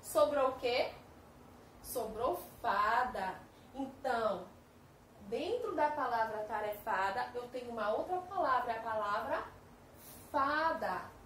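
A woman with a Brazilian Portuguese accent teaching a first-grade lesson, slowly sounding out syllables for young children. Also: a little high, animated, fairly bright tone. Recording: echoey room with faint ambient noise.

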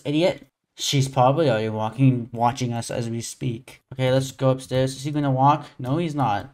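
Excitable young man narrating a horror game. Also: on the high side. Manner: excitable, says "dude" and "bro" a lot, laughs often. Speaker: gaming channel host. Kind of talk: casual horror game commentary.

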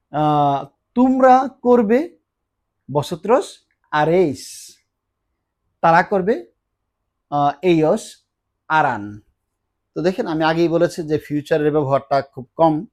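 A man whose first language is Bengali, teaching an online Spanish lesson, drilling verb forms slowly and repeating each one. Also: a little high.

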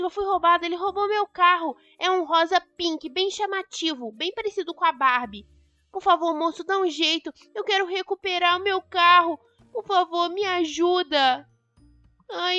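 A woman's voice: dry recording, lo-fi sound. A woman voicing a dramatic, outspoken young woman robbed by a fortune-hunter. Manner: exclaiming, high and bright.

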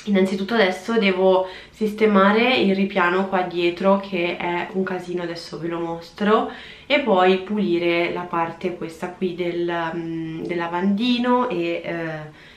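A woman's voice: fairly low pitch, fairly even intonation, measured pace. Chatty young woman in an echoey bathroom. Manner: chatty, talks to viewers while cleaning. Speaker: vlogger. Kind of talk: casual cleaning vlog chat. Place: small tiled bathroom. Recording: echoey tiled room.

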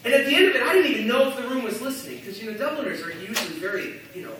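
A man with a high voice tells a story from a church stage, rambling and animated, full of restarts. He sounds far from the mic in a very echoey hall, with clear noise behind. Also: rapid-fire. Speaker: guest speaker. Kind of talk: live sermon storytelling.

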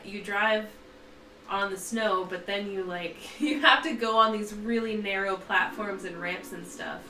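A woman playing a video game and chatting casually at home, with quick asides and frequent laughs. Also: mid-range voice, pushed and bright, reverberant, far from the mic, slight background noise. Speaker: let's play player. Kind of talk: casual gameplay commentary. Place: home room with a cat.

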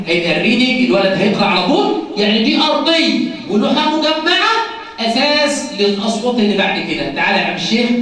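A man with an Egyptian accent leads a phonics lesson, talking quickly and asking the class rhetorical questions in a sing-song, drawn-out way. His voice sits fairly high. It comes from far off in a heavily echoing room. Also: fairly bright tone. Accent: Egyptian Arabic. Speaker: teacher trainer. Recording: very echoey room, distant mic.

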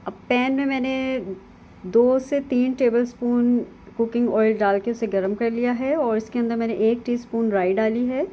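Over hands-only footage, a female cooking channel host talks viewers through the recipe one step at a time in a calm, instructive manner with lots of fillers. She speaks at a moderate pace in a somewhat high voice. A faint hiss or hum runs underneath.

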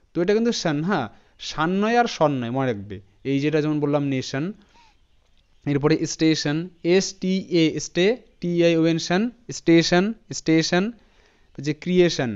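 A man teaching English pronunciation in a spoken lesson, spelling words out letter by letter and repeating each one slowly, often checking in with his students. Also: on the high side, a little mellow, smooth, muffled recording. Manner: addresses students directly with frequent "thik ache" checks.

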